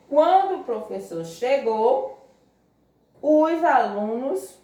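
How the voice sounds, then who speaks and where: Slow-talking woman teacher, echoey room. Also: mid-range voice, darkish tone, slight background noise. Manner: slow, stresses syllables, asks the class questions. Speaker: Portuguese teacher. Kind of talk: recorded grammar lesson. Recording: echoey room, distant from mic.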